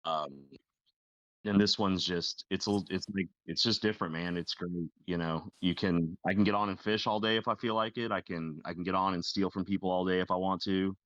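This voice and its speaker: A man's voice: low-pitched, fairly even intonation, a little fast, fairly bright tone, no room sound, lo-fi sound. A man in his thirties talking casually as a podcast guest, rambling with many fillers. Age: 30s. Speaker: guest streamer.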